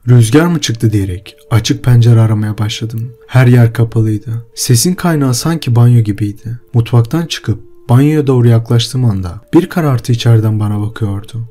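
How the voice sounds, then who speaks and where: A man narrating a horror story in a steady, measured way. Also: medium pitch. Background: faint music.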